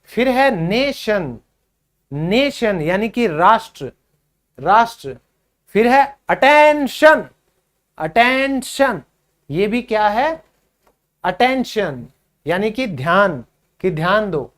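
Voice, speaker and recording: A man teaching spoken English to beginners, repeating each word slowly and calling his learners friends. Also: sits high, very animated, fairly bright tone.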